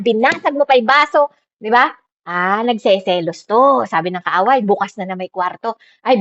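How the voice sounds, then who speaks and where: A woman preacher with a fairly high voice delivers a lively, chatty sermon and keeps checking in with the congregation. The recording sounds dull and lo-fi. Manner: lively, peppers talk with tag questions. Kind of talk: conversational sermon.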